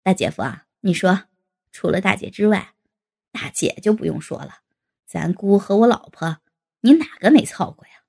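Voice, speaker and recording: Woman putting on a brash young man, gravelly and husky, teasing, loud fast bursts, storybook reading. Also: medium pitch, animated, pitched below the performer's own voice. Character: brash joking young man, crude teaser. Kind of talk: storybook character voice.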